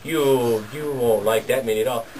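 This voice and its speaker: A man storyteller voicing a boastful, thoughtless farmer husband with a gruff drawl. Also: mid-range voice, normal speed, darkish tone, voice pushed down, close to an everyday voice. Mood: smug. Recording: distant mic, faint room noise.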